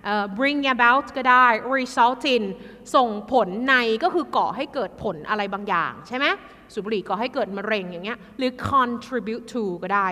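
Woman, exam tutor, lively chatty delivery, bright voice, long reverb. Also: medium pitch. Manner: lively, chatty, talks to students as kids.

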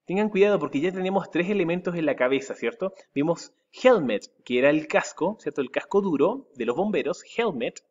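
In this lo-fi recording, a man from Chile speaks in a slightly high, expressive voice with a Chilean Spanish accent. He's running a recorded English vocabulary lesson for pupils, spelling out every word letter by letter, then repeating it slowly with rising stress.

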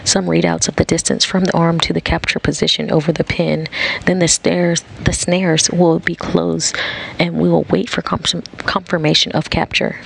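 A man with a gravelly voice, giving live event commentary. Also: a little high, flat delivery, normal speed, a bit bright, slight background noise, low-quality recording. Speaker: mission commentator.

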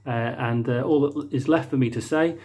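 A man's voice: medium pitch, moderate pace, darkish tone, slightly rough. A man chatting casually to camera after a song, hesitant and full of ums and restarts. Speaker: amateur singer, channel host.

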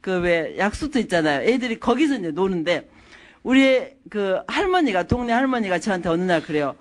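Lively middle-aged woman telling stories. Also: mid-range voice, a little fast. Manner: animated storytelling, acting out quotes. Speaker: lecturer. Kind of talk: lecture with personal anecdotes.

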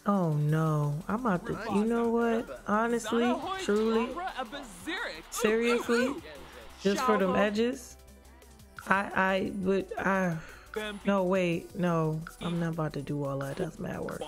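Woman livestreaming a sim game, takes her time talking, game music playing loud behind her. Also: mid-range voice, slow. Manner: chatty, voices reactions aloud, frank slang. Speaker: streamer. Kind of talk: casual gameplay livestream commentary.

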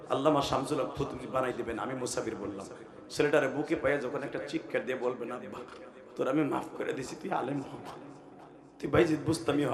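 Male preacher, high voice, fiery commanding sermon; echoey open-air PA, crowd behind. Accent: Bangladeshi Bengali. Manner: commanding, urges the crowd, rises to shouting and chanted wailing. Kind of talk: fiery Bangla sermon at an outdoor gathering. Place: large outdoor religious gathering.

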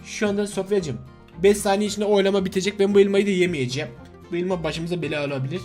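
A young man with a high voice rattles off excitable gameplay commentary at a rapid clip. He laughs and shouts in alarm while talking to his viewers, with faint music playing underneath. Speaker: gaming YouTuber.

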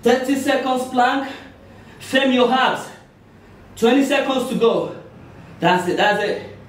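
A middle-aged man leads a workout as an aerobics instructor on an exercise mat in an indoor tiled room, giving short, exerted, encouraging cues, counts and cheers between puffs. His voice is very high-pitched, slow and fairly even in intonation. The room is echoey, the mic distant, with faint noise.

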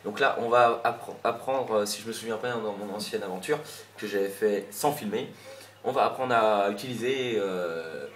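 A man's voice: on the low side, normal speed. A young man giving casual, rambling commentary over a video game, slightly irritated and swearing now and then. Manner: rambling, chatty, mild swearing. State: a bit irritated. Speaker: gameplay commentator. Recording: roomy voice with game music behind.

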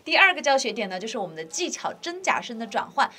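A woman's voice: a little high, very animated, fast talker, sharp tone, husky. A woman vocal teacher giving a singing lesson, explaining patiently and demonstrating phrases and sighs.

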